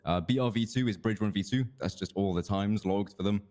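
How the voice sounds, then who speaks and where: A man's voice: lowish voice, fairly quick, darkish tone. A man explaining procedures in an in-character police roleplay chat, easygoing and happy to delegate. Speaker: police roleplay streamer briefing a trainer.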